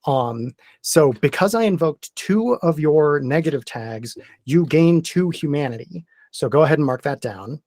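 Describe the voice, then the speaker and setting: A man acting as game master, explaining the rules step by step in a halting way. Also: on the high side, lively intonation, a little mellow, no room sound. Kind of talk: narrating a tabletop game.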